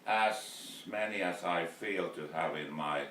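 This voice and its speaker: A Finnish man in his fifties, speaking English as a second language with a Finnish accent, vlogs casually about woodturning in his cluttered indoor wood shop. His deep, fairly bright voice comes slowly and haltingly, full of fillers and restarted sentences. A camera mic several feet away gives a roomy, distant workshop sound with slight background noise.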